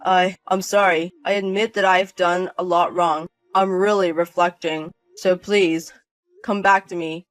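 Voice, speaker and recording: A man's voice: high voice, level tone, unhurried, a bit bright, no room sound, faint music behind, poor audio. A man voicing a self-centered husband in a drama, sounding flustered and pleading.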